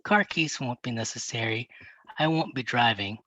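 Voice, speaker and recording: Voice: medium pitch, moderate pace, bright, forceful tone, dry recording. A reader voicing an absent-minded older father, a math professor who speaks in short, formal, clipped packets.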